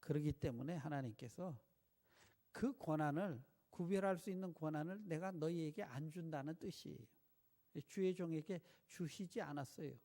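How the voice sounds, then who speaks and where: A male pastor preaching a sermon, putting rhetorical questions to the congregation in an animated way. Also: fairly high pitch, vocal fry.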